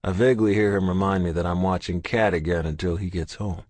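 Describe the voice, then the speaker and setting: A man narrating a romance audiobook in the first person, in a gruff, intense, steady way. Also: low-pitched, brisk, no room sound.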